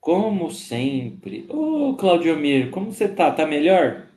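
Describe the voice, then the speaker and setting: Male live host, hoarse from a cold, slow friendly delivery, roomy echo. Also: a little high, wildly swooping pitch, a little mellow. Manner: slow, friendly, greets viewers by name. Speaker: host of a spiritist live stream. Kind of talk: casual greetings to live chat viewers. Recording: echoey room.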